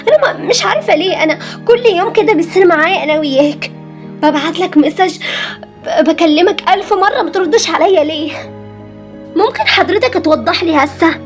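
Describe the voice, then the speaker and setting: A teenage girl voicing an anxious young bride-to-be with an Egyptian Arabic accent, in an amateur animated drama. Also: brisk, soft background music. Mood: angry. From Tunisia. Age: teen. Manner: high-pitched, emotional, insistent.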